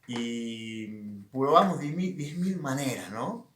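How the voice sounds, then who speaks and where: Argentine male pastor, 30s, mid-pitched, chatty sermon full of restarts, echoey room. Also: animated, slow, fairly bright tone. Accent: Rioplatense Argentine Spanish. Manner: storytelling, conversational with many restarts. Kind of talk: online sermon with a personal story.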